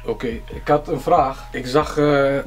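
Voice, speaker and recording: A young man from the Netherlands ranting loudly, swearing and mixing English slang into his talk, then making prank calls. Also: mid-range voice, fairly even intonation, unhurried, faint music behind. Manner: loud, profane, slangy, mixing English into Dutch. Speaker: vlogger. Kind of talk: angry rant and prank calls.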